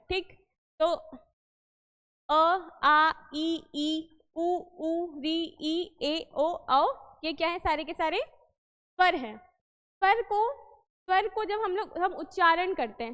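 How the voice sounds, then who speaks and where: A woman's voice: very high-pitched, a bit bright, big-room sound. A woman teaching a Hindi lesson for exam preparation, explaining patiently, repeating points and quizzing the listener.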